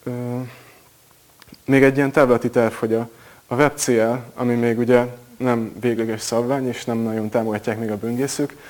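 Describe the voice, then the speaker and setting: A man presenting a technical project at a conference, pausing often with filler sounds. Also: medium pitch, level tone, a little mellow. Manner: hesitant, many filler sounds.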